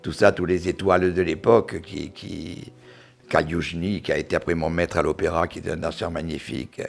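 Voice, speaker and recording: A man in his eighties with a southern French accent from Montauban, reminiscing in an interview, often halting and repeating words as he recalls. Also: low voice, level tone, gravelly. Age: 80s. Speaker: interviewee, retired dancer.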